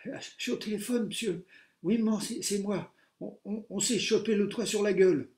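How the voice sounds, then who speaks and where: A man voicing a crude, agitated schoolboy yelling into a phone, in an echoey room. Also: high-pitched, moderate pace, pitched above the performer's own voice.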